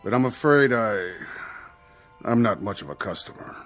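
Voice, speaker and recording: An actor playing Death as a polite, fussy, punctual gentleman with a formal, prim manner in a radio drama. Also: on the low side, lively intonation, normal speed. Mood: sceptical. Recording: music under the dialogue.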